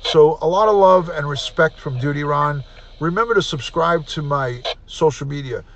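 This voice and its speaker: A man in his fifties with a gravelly New voice, hosting a live stream in a loose, chatty way. He runs through viewer names one by one and keeps thanking them as he signs off. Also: on the high side, moderate pace, muffled recording. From United States. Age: 50s. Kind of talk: casual live stream sign-off.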